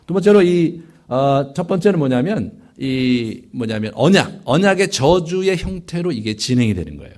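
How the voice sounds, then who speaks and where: A man preaching a Bible lecture as a pastor, animated and full of rhetorical asides. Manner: animated, rising and falling sharply in pitch and loudness, rhetorical "예?" asides.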